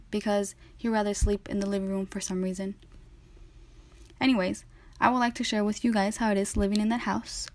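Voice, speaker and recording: A woman's voice: mid-range voice, dry recording. A young woman hosting a class podcast, reading her narration and asking interview questions in a plain, chatty, slightly wry way. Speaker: student podcast host and interviewer.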